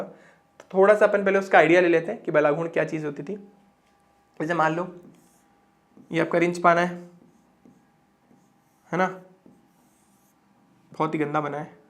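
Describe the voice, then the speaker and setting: A young man teaching a physics lesson at a board, chatty, asking and answering his own questions and repeating words for emphasis. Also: sits high.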